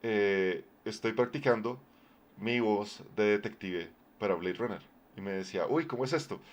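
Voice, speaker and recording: A man with a low, deep voice, talking casually on his live stream as a game master, conversational with many fillers and restarts. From Colombia.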